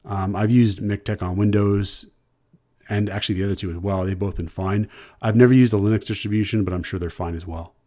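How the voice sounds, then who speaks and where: A man with a Canadian accent, a university instructor explaining software in a relaxed, conversational screencast lecture, restarting phrases now and then. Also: on the low side, fairly quick. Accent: Canadian English.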